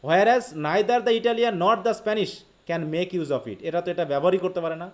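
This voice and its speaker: A man with a Bangladeshi accent teaching a live online literature class. He explains quickly, reads English passages slowly and keeps asking his students questions. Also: sits high. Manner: quick Bengali explanation, slow read-aloud English quotes, frequent questions to students.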